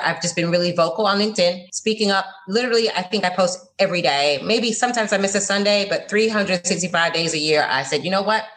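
Speaking at a medium pitch, this South Florida woman in her forties, a college professor, answers podcast interview questions with lively earnestness and quick laughter.

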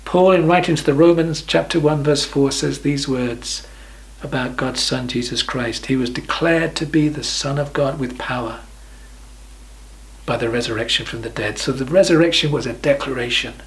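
Gravelly-voiced male preacher reading scripture. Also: medium pitch, rough recording. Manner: reads scripture slowly, trails off softly at phrase ends. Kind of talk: sermon.

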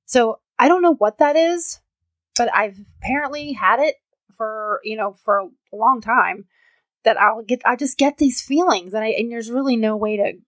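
A woman's voice: on the high side, normal speed, fairly bright tone, no room sound. A woman guest telling personal stories in a casual, chatty way, full of filler words. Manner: chatty storyteller, many filler "like"s. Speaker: podcast guest. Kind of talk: casual chat.

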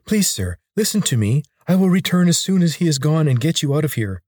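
A man's voice: on the high side, sing-song, fairly quick, darkish tone, dry recording, studio quality, pitched above the performer's own voice. A man voicing a small loyal lizard creature in a storybook reading, speaking urgently.

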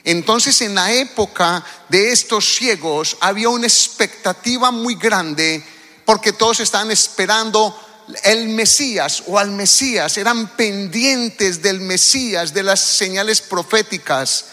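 A man's voice: sits high, measured pace. A man from Colombia, preaching a sermon and calling out to the congregation. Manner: lively, calls out to the congregation. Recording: hall reverb.

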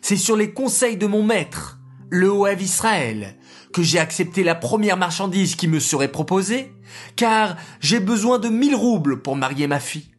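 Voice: medium pitch, big pitch swings, normal speed, soft background music, voice pushed up. A storyteller voicing a poor, stubborn man who insists firmly on his price. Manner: stubborn, emphatic.

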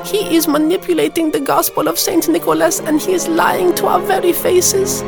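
Woman playing a righteous sermonizing little boy, high voice. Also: steady tone, normal speed, gravelly, over loud music. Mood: indignant. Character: pompous preachy young boy.

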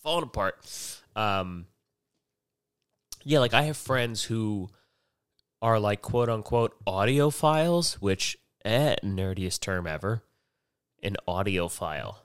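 A man talks alone into his podcast mic, his voice sitting a bit low. He rambles and curses his way through loose, self-mocking chat. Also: expressive, slow, pauses often, smooth, no echo, clean studio sound. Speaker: podcast host. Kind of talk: casual solo podcast rant. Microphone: headphones and podcast mic.

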